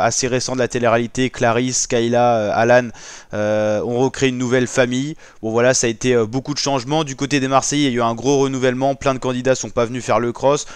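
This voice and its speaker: A man's voice: medium pitch, clean tone, no room sound. A man hosting a YouTube channel, giving casual vlog commentary in slangy, informal language and speaking straight to his viewers.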